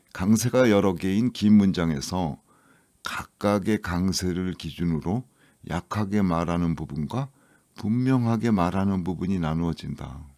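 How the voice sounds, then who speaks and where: A man teaching English listening in a lecture, explaining rules slowly and reading English examples aloud. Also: low voice, a little mellow, no room sound, clean studio sound. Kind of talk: scripted lecture narration.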